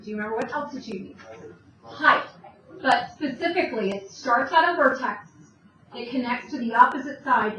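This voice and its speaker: High-voiced woman teaching math in an echoey room. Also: sharp tone. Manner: explains step by step, asks questions and answers them herself. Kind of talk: recorded classroom math lesson. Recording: distant, dull, echoey room with faint noise.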